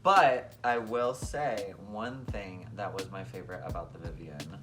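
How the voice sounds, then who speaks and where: Campy male drag queen co-host, lively and foul-mouthed, music bed underneath. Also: deep voice, a little slow. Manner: campy, animated, swears freely. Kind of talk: casual chat reviewing a TV show.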